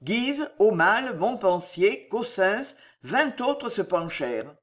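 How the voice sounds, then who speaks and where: An audiobook reader narrating a dramatic historical novel in a slow, expressive storytelling manner. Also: medium pitch.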